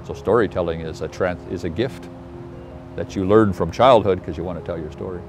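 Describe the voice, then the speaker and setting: A deep-voiced man sits on the grass outdoors and talks through his thoughts slowly, often stopping to gather them. A clear music bed runs under his voice. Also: darkish tone. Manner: slow, thoughtful, many pauses. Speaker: interviewee. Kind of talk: reflective interview talk. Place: park lawn, outdoors.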